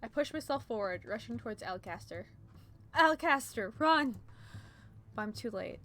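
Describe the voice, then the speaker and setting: A woman's voice: mid-range voice, fast talker. A woman reading a visual novel as its narrator, mixing dramatic storytelling with casual commentary.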